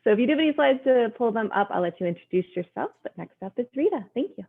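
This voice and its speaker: A woman's voice: on the high side, expressive, quick pace, gravelly, husky. Lady host on a zoom call, sounds tinny like a phone, chatty, lots of ums. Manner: chatty, self-deprecating, with ums. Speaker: event host. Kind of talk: introducing speakers on a video call. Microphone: video call.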